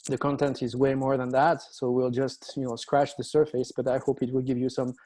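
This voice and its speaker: A middle-aged man from France with a French accent, giving a webinar lecture over a computer mic and pausing often with "uh". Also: medium pitch, little pitch movement, warm tone. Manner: hesitant, many "uh" fillers. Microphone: computer mic on a video call.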